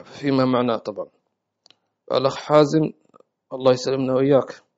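A male religious teacher on a live-streamed lesson, reading viewers' messages and answering with gentle advice and quickly repeated prayers. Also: medium pitch, steady tone, lo-fi sound.

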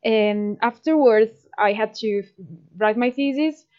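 A woman's voice: on the high side, slow, clear, resonant tone. Hesitant young woman, muffled audio. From northern Italy. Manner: hesitant, searching for words, self-deprecating. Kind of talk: casual chat.

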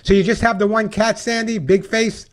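Higher-pitched man hosting talk radio. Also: level tone, moderate pace. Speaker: radio pet show host and caller adviser. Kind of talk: talk radio, advice and scripted sponsor reads.

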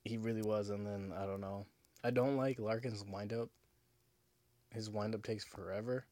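Man, drunk, fairly low pitch, rambling, repetitive, profane, casual solo sports podcast host. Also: steady tone, moderate pace, darkish tone, no echo.

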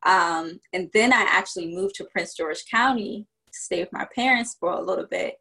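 Her voice is on the low side, creaky, husky, pushed and bright, moving at a moderate pace over poor audio. She's a Virginia business founder on a relaxed podcast interview, walking through each point with lots of fillers.

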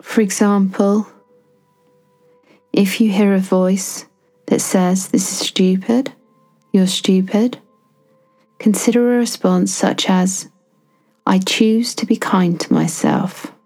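A woman guiding a self-compassion meditation, speaking softly and soothingly with long pauses between phrases. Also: medium pitch, steady tone, soft background music. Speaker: meditation guide.

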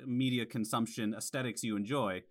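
A man's voice: mid-range voice, fairly even intonation, normal speed. A man co-hosting a movie podcast, teasing and wordy in casual chat. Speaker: podcast co-host.

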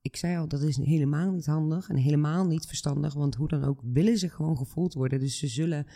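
A calm man hosting a reflective podcast, talking straight to the listener at an unhurried pace. His voice is mellow and dark, with a gravelly rasp running under his words. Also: a little high. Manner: calm, slow and addressing the listener directly. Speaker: podcast host and coach.

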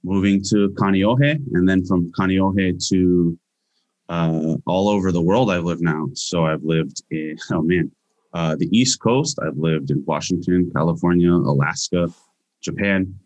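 A man's voice: low voice, unhurried, darkish tone, no echo, highs cut off. A young Hawaiian man answering interview questions casually as a guest scientist, with frequent restarts and fillers.

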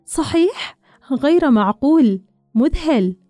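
A woman voicing an excitable, gossiping young woman who gushes in high exclamations. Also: brisk, no echo, clean studio sound, soft background music. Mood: excited gossip.

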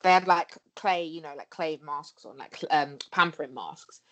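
A woman's voice: deep voice, normal speed, a bit bright, highs cut off. A young woman with a Cockney accent, co-hosting a casual podcast discussion, earnest and full of fillers and restarts. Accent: London Cockney. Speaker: podcast co-host.

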